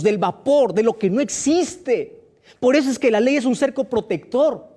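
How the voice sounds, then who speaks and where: A man preaching a sermon, his voice swinging widely up and down as he leans on key words. He slows down to stress phrases and keeps asking the listener direct questions. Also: high-pitched, mellow. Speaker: pastor.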